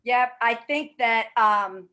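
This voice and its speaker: With a slightly high, sharp voice and a slow pace, a fortysomething woman shares her story as a fitness program client. She speaks candidly and forcefully, swearing bluntly in a casual way.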